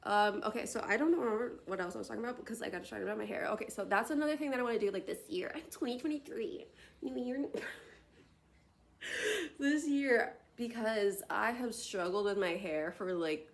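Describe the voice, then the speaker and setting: A woman in her late twenties rambles to herself on a tablet camera in a solo vlog, wandering into tangents and packing in filler like "like" and "you know what I mean." Her mid-range voice is brisk and creaky, with slight background noise.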